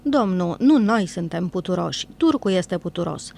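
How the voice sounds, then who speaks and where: A woman's voice: on the low side, expressive, vocal fry, darkish tone. A woman voicing an angry young foreign boatman who speaks in broken grammar. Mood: furious. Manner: broken grammar, hot-tempered.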